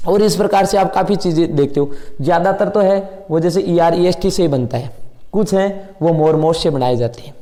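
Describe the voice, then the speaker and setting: A middle-aged man gives a classroom grammar lesson in a mellow, warm voice pitched a little high for a man. He explains each point step by step, often asking a question and then answering it himself. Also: moderate pace. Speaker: English teacher.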